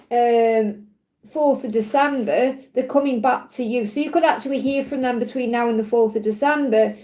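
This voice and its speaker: Reading tarot cards live for her audience, this woman speaks gently and reassuringly, frequently asking "okay?" Her voice sits high and is a little mellow, though husky and tiring.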